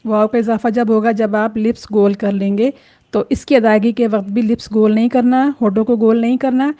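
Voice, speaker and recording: A woman teaching Quran reading, explaining each Arabic letter patiently and sounding it out slowly to demonstrate. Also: a little high, fairly even intonation, warm tone.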